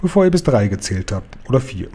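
A man's voice: mid-range voice, big pitch swings, fast talker, dark tone, slight background noise, natural voice. A man reading aloud and voicing a huge, kindly male giant who jumbles his words in a folksy, earnest way. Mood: earnest, excited.

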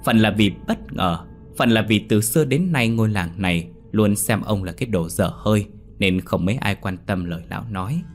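A man narrating a ghost story in a lively, expressive storybook manner. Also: lowish voice, normal speed, faint music behind.

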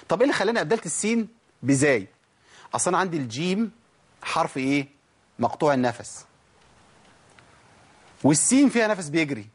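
A man with an Egyptian accent teaching Quran recitation, drilling sounds slowly and asking and answering his own questions. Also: fairly high pitch, husky. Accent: Egyptian Arabic. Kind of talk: recorded tajweed lesson.

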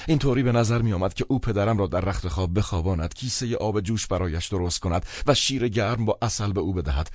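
A man narrating a novel in the first person, measured and expressive. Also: on the low side, dry recording. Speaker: audiobook narrator.

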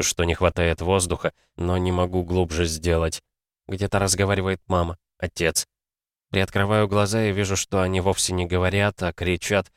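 A man narrating a first-person story in a measured, subdued way. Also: deep voice, clean tone, no echo, clean studio sound. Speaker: audiobook narrator.

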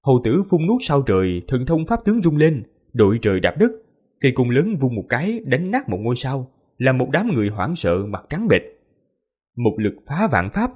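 A male audiobook narrator telling a fantasy battle epic with vivid, emphatic delivery. His voice is husky and slightly breathy, and his pitch swings widely to drive the action. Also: huge pitch swings, moderate pace, darkish tone. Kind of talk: dramatic fantasy novel narration.

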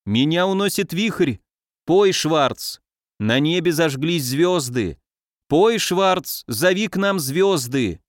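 A man voicing a moody drunk young man who swings between tears and wild excitement. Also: on the high side, takes it slowly, dry recording, clean studio sound. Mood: drunk elated. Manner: excitable, exclaiming.

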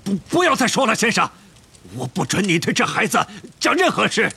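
A man doing a bullying middle-aged uncle who barks orders in a strained, raspy voice. He blusters and panics at the same time, a storybook tyrant losing control. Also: sits high, sing-song, fairly quick, sharp tone, heavily acted. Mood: panicked. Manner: blustering, frightened commands.

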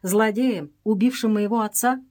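A woman's voice: on the high side, normal speed, a little mellow, natural voice. A woman voicing an impulsive, grieving young Englishman who speaks in urgent exclamations in a read-aloud story. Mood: intent.

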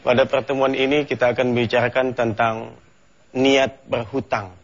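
A man's voice: mid-range voice, flat delivery, normal speed. A man hosting a religious TV program, opening formally and then bantering casually. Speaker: TV program host. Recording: dull lo-fi TV broadcast sound.

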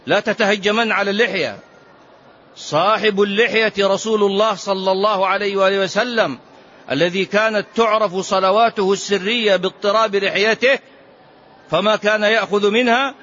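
In a muffled lo-fi recording of a religious lesson, a man speaking as a sheikh pours out passion and rhetorical questions. His voice is high, fairly quick, bright and forceful, with fairly even intonation.

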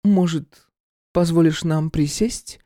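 Audiobook: male reader doing a prickly ex-girlfriend, high and snappish, warm dark tone. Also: slow pace, no echo, clean studio sound. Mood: snippy. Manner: snippy, hissing. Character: bitter young woman, Max's ex, sharp-tongued.

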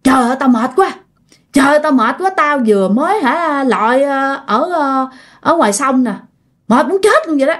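A woman voicing a frail old grandmother possessed by a spirit, shrill, scolding and lamenting. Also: lively intonation, normal speed. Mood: weary.

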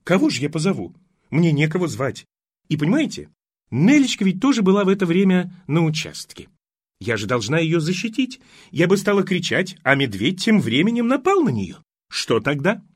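A man voicing a fussy, scatterbrained elderly mother in an audiobook, talking in a high, rambling, emphatic way. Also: big pitch swings, normal speed, slightly rough, no echo, clean studio sound. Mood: pleading. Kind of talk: audiobook character voice.

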